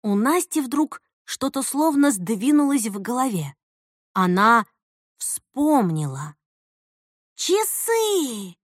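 A woman narrating a story in an expressive storytelling manner. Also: on the high side, takes it slowly, no room sound, studio quality. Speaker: audiobook narrator. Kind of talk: scripted narration.

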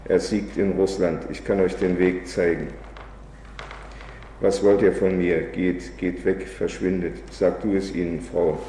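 A man reading aloud as a bitter, drunken old male revolutionary, in a flat, weary recitation. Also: low-pitched, a little slow, far from the mic. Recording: echoey hall, faint background noise.

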